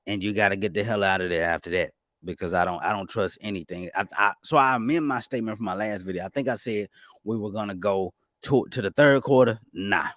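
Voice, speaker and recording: A man giving casual, fast-talking commentary on stocks and crypto, excitable and stumbling over restarts. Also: fairly low pitch, dry recording, studio quality. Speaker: finance YouTuber.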